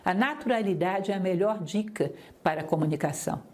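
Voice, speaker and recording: Mellow-voiced woman lecturing on speaking. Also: fairly low pitch, brisk. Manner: didactic, lively intonation, addresses listeners directly.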